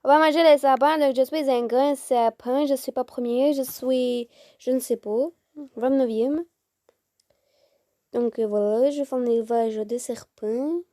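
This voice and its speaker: A woman's voice: sits high, fairly even intonation, unhurried, warm tone, dry recording, clean studio sound. A woman hosting a casual gameplay video, swearing freely and narrating in a mock-formal tone.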